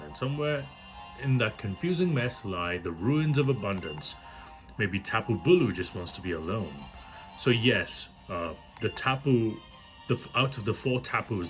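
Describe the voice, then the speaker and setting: A man's voice: fairly low pitch, fairly bright tone, rough recording. A man giving casual, self-deprecating let's play commentary, swearing freely. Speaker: gaming YouTuber. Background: game music.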